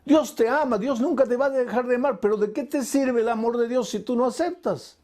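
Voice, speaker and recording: A man preaching an evangelistic sermon as a pastor, pleading and impassioned, swinging between loud and soft, calling the listener "dear". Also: extremely high pitch, brisk. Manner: addresses listener as "querido".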